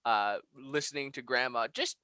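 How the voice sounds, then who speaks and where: Bright-voiced man chatting casually. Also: medium pitch, moderate pace, smooth, dry recording. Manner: laughs often, swears casually. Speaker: podcast co-host. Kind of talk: casual review chat.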